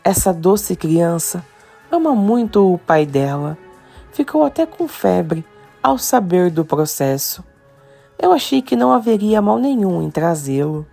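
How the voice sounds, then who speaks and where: A woman's voice: lowish voice, very animated, a little slow, gravelly, mellow, soft background music, exaggerated voice. A woman voicing a prim, vain woman who scolds and sounds prim.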